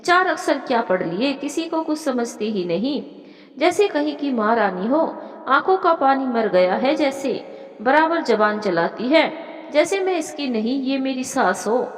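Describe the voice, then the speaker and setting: Woman voicing a loud, taunting older mother-in-law, high and swooping, for a storybook; echoey room. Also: lively intonation, measured pace. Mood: bitter complaining. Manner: shrieking taunts, then wailing to God. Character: shrill scolding older mother-in-law, spiteful and self-pitying. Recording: echoey room with long reverb.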